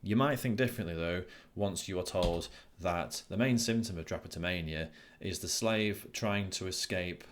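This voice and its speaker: Deep-voiced man giving a candid lecture. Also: normal speed, hardly any pauses, a little hiss or hum. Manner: candid, blunt, conversational, with frequent ums. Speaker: person-centred therapist. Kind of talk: informal recorded lecture.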